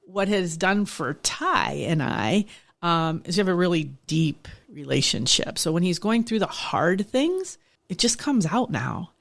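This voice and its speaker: A woman's voice: fairly low pitch, sing-song, a little slow, gravelly. A middle-aged woman, a nonprofit director, telling personal stories in a candid, reflective interview. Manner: reflective, candid storytelling with frequent restarts. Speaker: nonprofit executive director, podcast guest. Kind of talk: conversational interview.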